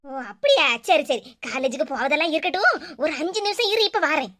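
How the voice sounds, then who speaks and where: A woman's voice: high-pitched, big pitch swings, a little fast, fairly bright tone. A woman doing a fussy Kanyakumari mother. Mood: coaxing. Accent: Kanyakumari Tamil. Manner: coaxing, fussy. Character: doting middle-aged mother, fussy.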